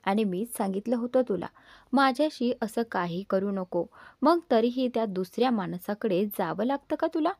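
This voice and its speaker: A woman's voice: medium pitch, animated, normal speed, creaky, a little mellow, no room sound, studio quality. A woman reading a bitter, jealous young man. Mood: sarcastic. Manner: cutting, sarcastic.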